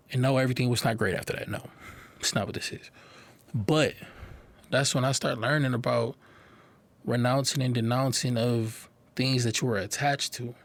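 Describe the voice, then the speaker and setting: In a dry recording, a young man with a medium-pitched voice tells a live crowd his personal testimony. He's sincere and hesitant, with frequent word repetitions.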